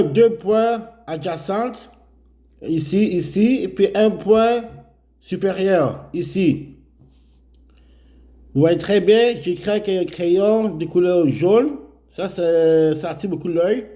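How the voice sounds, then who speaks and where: A man's voice: sits high, slow pace, mellow. A man teaching Arabic letters step by step, explaining while he writes and repeating each sound many times. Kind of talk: slow step-by-step lesson.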